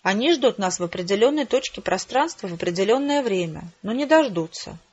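A woman voicing a wry, unflappable middle-aged father in an audiobook, calm and ironic. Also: medium pitch, brisk, dull audio, natural voice. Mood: scheming.

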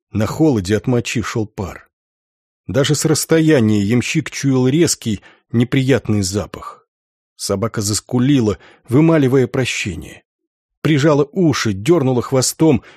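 A man reading literary fiction aloud as a narrator, in a measured, expressive delivery. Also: medium pitch, slightly rough, dry recording, clean studio sound. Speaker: audiobook narrator.

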